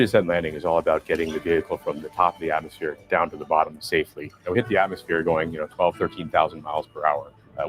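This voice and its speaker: A man who leads a landing team, explaining technical steps briskly with some fillers in a documentary interview. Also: a bass voice, poor audio.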